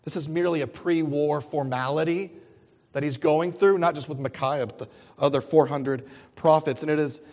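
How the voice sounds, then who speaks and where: A man's voice: fairly high pitch, fairly even intonation, normal speed, a little mellow, in a large hall. A man preaching an expository sermon, asking rhetorical questions and explaining scripture. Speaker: pastor.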